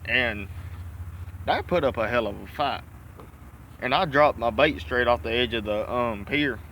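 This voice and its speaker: A man's voice: mid-range voice, measured pace, a bit bright, slight background noise. A man with a Southern US accent chats casually and folksily, with mild swearing, as he talks around a dip of chewing tobacco. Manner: folksy, mildly profane. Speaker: fishing vlogger. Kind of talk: casual rambling chat to camera.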